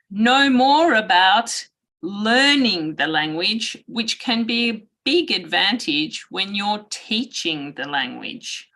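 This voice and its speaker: An Australian woman gives an online guest lecture to students, speaking slowly and in a measured way while often clearing her throat. Her mid-range voice sounds pushed and bright.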